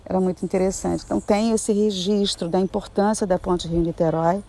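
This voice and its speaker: An older Brazilian woman speaking slowly in a casual interview, reminiscing with many fillers. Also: medium pitch, fairly even intonation, mellow. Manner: slow, reminiscing, filler-laden. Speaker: interview guest.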